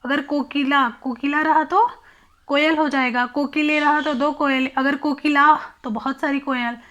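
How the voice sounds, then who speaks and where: A woman teacher with a high voice who explains a textbook lesson at an unhurried pace. She says each word twice and gives its meaning, filling the gaps with soft hums. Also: fairly even intonation, lo-fi sound. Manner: slow, repeats each word and its meaning, fills pauses with hums. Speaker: Sanskrit teacher.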